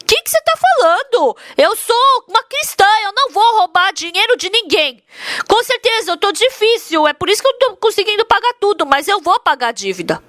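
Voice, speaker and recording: A woman's voice: very high voice, big pitch swings, moderate pace, a bit bright, no echo, clean studio sound, full character voice. A woman voicing an indignant honest wife. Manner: firm, scolding.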